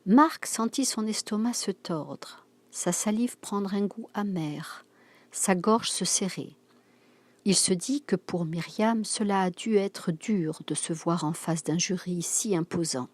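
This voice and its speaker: A woman narrating a novel aloud in steady, clear storytelling style, voicing the dialogue herself. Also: fairly low pitch, slow pace, no room sound.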